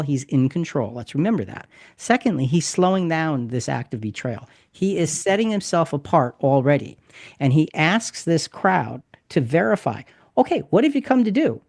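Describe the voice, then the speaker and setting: A man's voice: a little high, creaky, darkish tone, dry recording, clean studio sound. Emphatic man leading a Bible discussion. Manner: emphatic, explanatory, repeats key points. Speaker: podcast host.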